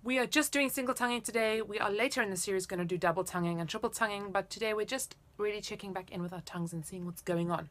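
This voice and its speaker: A woman's voice: mid-range voice, quick pace, hardly any pauses, noisy background. A woman in her thirties giving casual, explanatory and encouraging music instruction to camera. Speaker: flute teacher. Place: indoors, small room at home.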